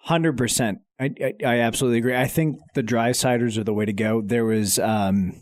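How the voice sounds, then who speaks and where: A man co-hosting a casual podcast, explaining things in a relaxed way and sometimes stumbling over words. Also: mid-range voice, brisk, dry recording, studio quality. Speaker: podcast co-host. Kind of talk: casual chat.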